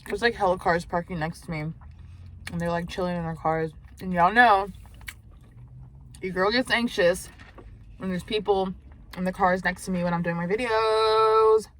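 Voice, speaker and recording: A woman's voice: on the low side, steady tone, moderate pace, pauses often, slight background noise. A young woman chatting casually and profanely while eating in a parked car, often dropping to a near whisper. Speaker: mukbang vlogger.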